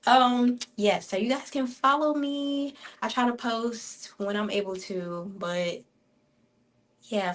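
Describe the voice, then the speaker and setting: A woman speaking as a doula guest in a casual live interview, informal and plain-spoken. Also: mid-range voice.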